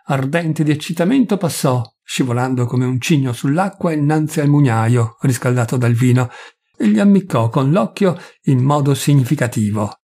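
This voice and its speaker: A man reading a long story aloud as narrator, measured and expressive. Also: mid-range voice, vocal fry, slightly rough. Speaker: reader. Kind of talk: audiobook narration.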